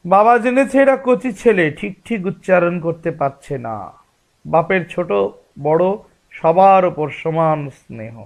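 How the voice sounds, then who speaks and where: A man's voice: high-pitched, animated, measured pace. A man giving a spiritual discourse as a religious teacher, explaining patiently and asking rhetorical questions.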